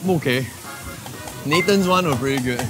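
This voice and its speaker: An eager man narrates his tasting of street food, his voice sitting a little high for a man. He talks in quick, chatty bursts between bites. Clear music plays under him. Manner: enthusiastic, chatty while eating. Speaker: food vlogger host. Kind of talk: casual food vlog chat. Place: busy outdoor night market.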